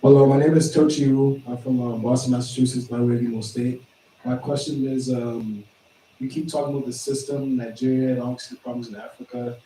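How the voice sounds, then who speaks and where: Mellow-voiced man asking in an echoey hall. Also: medium pitch, steady tone, brisk. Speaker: audience member asking a question. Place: large lecture hall. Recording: echoey hall, far mic, faint hum.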